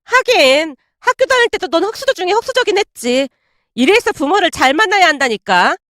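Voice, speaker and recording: In a clean studio recording with no room sound, a woman uses an extremely high, fairly bright, lively voice, pitched above her own, at a fairly quick pace. For a storybook drama she plays an arrogant, spoiled young woman who sneeringly mocks, condescends to, and bosses an old classmate.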